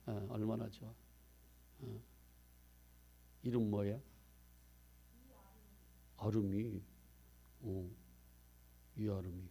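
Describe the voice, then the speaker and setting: A man pastor preaching a sermon, talking conversationally with the congregation and swinging from quiet asides to loud emphasis. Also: on the low side, fairly even intonation, very slow, gravelly, long pauses, slightly rough.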